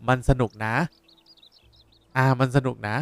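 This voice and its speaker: A young man, a language teacher explaining words in a lively way while playing a game. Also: unhurried, no room sound, soft background music. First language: Japanese. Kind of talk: game playthrough lesson.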